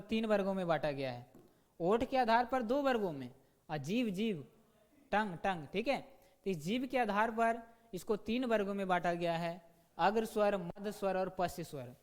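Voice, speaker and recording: A male teacher giving an online grammar lesson. His voice sits high for a man, and the room around him rings with a long reverb. He drills the class with quick questions and sounds out each example slowly. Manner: repeats "ठीक है" and asks students questions.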